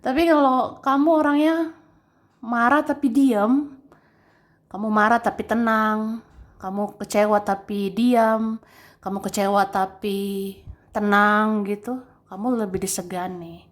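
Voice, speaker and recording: Woman tarot reader, casual advice talk, slow delivery, gentle and chatty with small laughs. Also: medium pitch, fairly even intonation. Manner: chatty, gently advising, tags sentences with "ya"; laughs between phrases.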